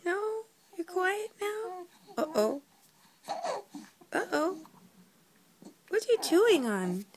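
A young woman at home films her baby on a handheld phone camera, talking to the child in sing-song baby talk. Her voice is extremely high with big pitch swings and a slow pace, and there is background noise.

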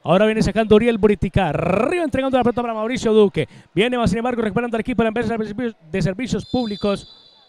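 Pitched high, this male play-by-play announcer delivers live match commentary at breakneck speed. He stretches his shouts out in classic excited goal-call fashion.

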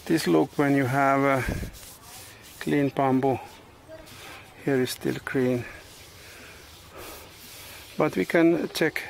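Slow halting gravelly-voiced man outdoors. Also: mid-range voice, a little hiss or hum. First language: not English. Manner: halting non-native English with many pauses and uh's. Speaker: farm vlogger. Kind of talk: casual vlog narration. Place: outdoors on a tropical farm building site. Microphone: handheld camera selfie and tripod camera.

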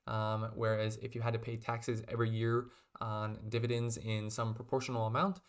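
This investing video host, a man in his twenties, talks through investing lessons to his webcam in a small room with a medium-pitched voice. He keeps a steady, casual delivery and leans on fillers such as "um" and "kind of."

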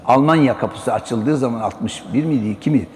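An older man gives an exhortative, sermon-style religious talk, often addressing his listeners as brother. His mid-range voice is a little fast and a little mellow, with long hall reverb and faint background noise.

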